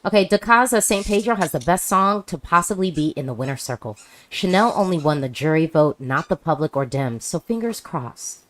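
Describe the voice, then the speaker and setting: A woman's voice: deep voice, lively intonation, brisk. A woman hosting a casual video-call chat, talking emphatically with frequent restarts. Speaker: host.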